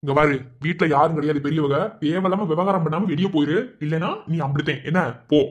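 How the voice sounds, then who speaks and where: A man voicing a hot-tempered young village bully in an animated cartoon, threatening and taunting in a Madurai Tamil accent. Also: fairly high pitch, quick pace, natural voice. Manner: taunting, threatening, rural slang.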